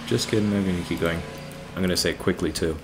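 A young British man with a low voice reads a long text aloud on a livestream. He often trips over names and breaks off to mock himself. Faint crickets chirp behind him. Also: fast talker, background noise. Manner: stumbling over names, self-mocking asides. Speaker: streamer.

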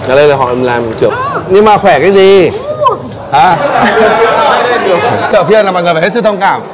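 A man's voice: high-pitched, animated, a little fast, heavy background noise. Chatty man in a market. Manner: chatty, bantering with vendors, laughs often. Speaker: food vlogger host. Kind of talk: casual market vlog chat. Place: busy outdoor local market. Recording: busy outdoor market crowd. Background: crowd chatter.

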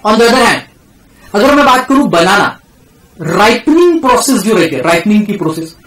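A man with an Indian English accent giving a classroom lecture, switching between Hindi and English and slowing down to repeat key terms for his students. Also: sits high, sing-song, fairly bright tone, reverberant, poor audio. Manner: mixes Hindi and English, calls students "beta", drills key terms slowly. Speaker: tax teacher.

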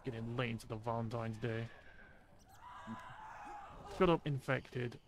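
A man giving casual live gameplay commentary with a friend, monotone and deadpan, swearing as he jokes. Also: mid-range voice, unhurried, noisy background. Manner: monotone, deadpan, profane joking. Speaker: video game streamer. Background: zombie game sounds.

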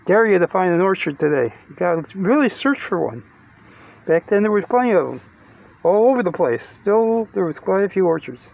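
An older vlogger with a high, creaky, darkish voice talks at normal speed but very animatedly, filming himself on a phone kept close. Plainspoken and meandering, he restarts sentences and figures numbers aloud, outdoors in a park and later in a van.

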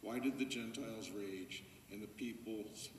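A man reading scripture aloud as lector, with steady, deliberate delivery, in a large church sanctuary. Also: lowish voice, far from the mic, slight background noise. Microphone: distant camera microphone. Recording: echoey church captured from afar.

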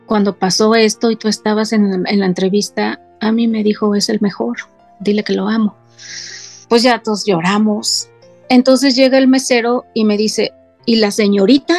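As an interview guest, a middle-aged woman shares a deeply personal family story in a rough, gravelly voice with fairly even intonation at normal speed. She brings each scene to life by quoting her relatives in her own voice, while soft music plays faintly behind her.

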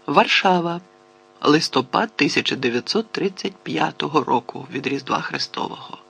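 Lively man narrating an audiobook. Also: on the high side, normal speed, gravelly, a little hiss or hum. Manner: expressive storytelling.

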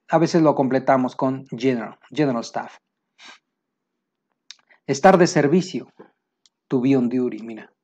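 A man with a Mexican Spanish accent teaching military vocabulary, pausing to say each English term slowly and plainly. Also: medium pitch, a little mellow, husky, highs cut off. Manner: explains terms, slows down for English words. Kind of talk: vocabulary lesson.

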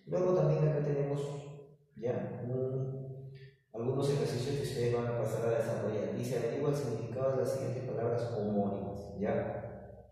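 A man's voice: medium pitch, moderate pace, mellow, recorded from a distance. Peruvian male teacher, patient and repetitive, recorded off-mic in a roomy space with heavy reverb. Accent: Peruvian Spanish. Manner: patient, repetitive, keeps asking "¿ya?". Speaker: primary school teacher. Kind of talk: recorded classroom lesson. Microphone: far from mic.

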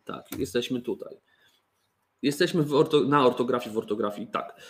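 A man's voice: medium pitch, normal speed, fairly bright tone. A man casually presenting board games, joking and often restarting his sentences. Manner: chatty, joking, with fillers and restarts. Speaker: toy company presenter.

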